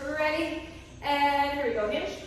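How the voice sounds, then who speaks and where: A woman with a high voice leads a workout from a little way off in a very echoey hall. She gives short, unhurried cues and counts, encouraging the class while puffing from her own effort. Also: slight background noise. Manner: encouraging, working out along with viewers. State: exerting, puffing between sets. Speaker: fitness instructor. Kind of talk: workout coaching, counting and cueing. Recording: echoey hall, distant microphone.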